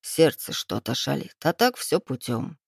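A woman putting on a slow, sighing old grandmother. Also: low voice, darkish tone, no echo, studio quality. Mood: fussing. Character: fussing elderly village grandmother, doting.

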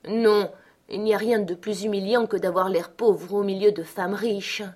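A woman's voice: medium pitch, fairly even intonation, normal speed, a little mellow, natural voice. A woman voicing a vain young wife who pleads plaintively for finery.

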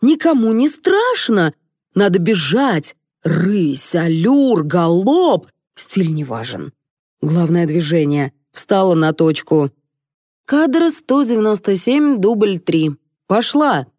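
A woman voicing an excitable, bossy male film director who shouts orders, reading an audiobook in a dry studio. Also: low-pitched, takes it slowly, no room sound, exaggerated voice. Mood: shouting. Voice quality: shouting, exasperated.

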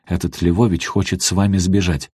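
A man's voice: low-pitched, flat delivery, normal speed, darkish tone, husky, no room sound, clean studio sound. A man reading an audiobook, voicing an indignant housekeeper who scolds her mistress. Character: angry accusing female housekeeper.

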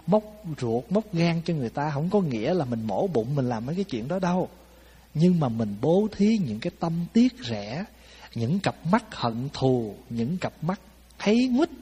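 A monk preaches to a gathering, slipping into the voices of the people in his stories and checking in with his listeners as he goes. His voice is mellow and a little husky. The sound rings out with long reverb, as in a large hall. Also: a little high. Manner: lively, conversational, acts out quotes of people in his stories; asks the audience "phải không?". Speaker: Buddhist monk giving a dharma talk. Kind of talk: storytelling sermon.

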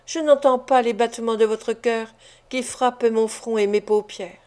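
A woman reading a storybook, voicing a mysterious young woman who speaks in a calm, grave and dignified way. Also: on the high side, normal speed, natural voice. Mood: despairing.

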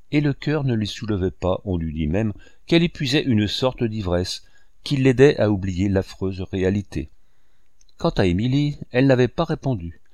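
A man narrating a novel in an expressive reading style. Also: on the low side, no echo, studio quality. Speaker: audiobook narrator.

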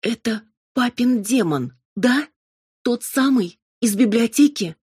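A woman reading an audiobook and voicing an angry, betrayed young cousin with a sharp, raised, accusing voice. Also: deep voice, moderate pace, husky, no echo, studio quality. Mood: furious.

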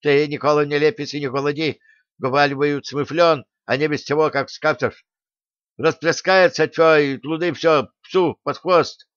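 Toothless old village craftsman, a man voicing him: lisp, rustic chatter, raised pitch, dry lo-fi. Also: fairly even intonation, normal speed, a bit bright, dry recording, lightly acted. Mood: eager chatter. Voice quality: lisping, toothless. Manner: folksy rustic speech. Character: toothless old male craftsman, cheerful and eager. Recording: dull dry recording.

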